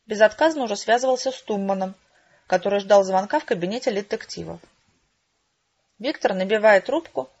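A woman narrating an audiobook in an even, measured way. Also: medium pitch, breathy edge. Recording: dull lo-fi recording.

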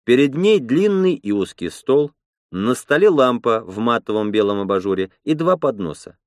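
Male audiobook narrator, first person, animated pitch, dry close recording. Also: moderate pace, dry recording.

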